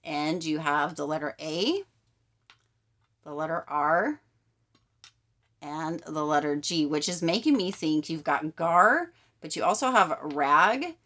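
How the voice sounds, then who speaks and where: A woman's voice: low-pitched, expressive, takes it slowly, a bit bright. A woman giving a casual tarot reading straight to the viewer, upbeat and emphatic, often repeating her catchphrases. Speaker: tarot card reader.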